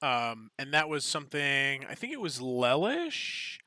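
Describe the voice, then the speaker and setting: A man narrates a tabletop game slowly, stopping often to think. His voice is very bright and sits close and dry on the mic. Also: medium pitch, no echo. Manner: relaxed, halting narration with many fillers. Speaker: game master.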